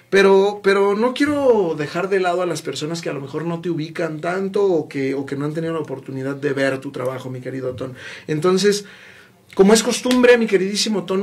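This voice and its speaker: A man's voice: fairly high pitch, husky. A young man with a Mexican accent hosting a TV talk show in a studio, effusive and full of praise for his guest. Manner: warm, effusive, repeats "mi queridísimo". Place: small bright TV studio.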